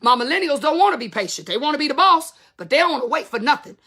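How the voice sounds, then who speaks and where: A woman's voice: high-pitched, animated, fast, bright, forceful tone. A woman in her fifties, a salon business educator, talking candidly and emphatically to her viewers in casual slang. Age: 50s.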